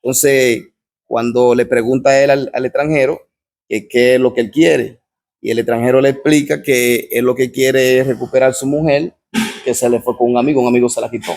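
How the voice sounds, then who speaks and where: A man with a Dominican accent recounting his personal testimony as a guest, telling the story step by step and often pausing to ask what happens next. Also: medium pitch, steady tone, gravelly, darkish tone. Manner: repetitive storyteller, keeps asking "what happens?".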